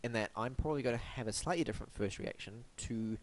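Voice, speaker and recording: This fast-talking man has a medium-pitched voice and hosts a web design review, performing a scripted monologue. He sounds congested and sniffly from hay fever while keeping a wry, mock-formal, theatrical tone.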